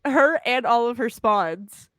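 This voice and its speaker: A woman co-hosting a casual podcast with a nasal voice, playful and quick to laugh. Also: fairly high pitch, expressive, fairly bright tone, dry recording, studio quality. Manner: playful, laughs easily, tells puns. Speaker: podcast co-host. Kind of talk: casual chat.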